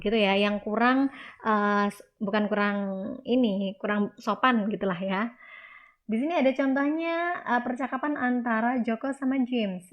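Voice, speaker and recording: A young woman teaching an English class, explaining slides in a chatty way with frequent tag fillers. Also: fairly high pitch. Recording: dull lo-fi recording.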